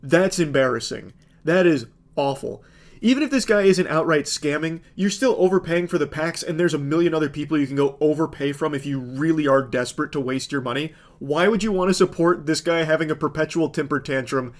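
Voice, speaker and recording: Brief: male online commentator, somewhat high voice, dry sarcastic reaction delivery. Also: fairly quick. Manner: sarcastic, exasperated.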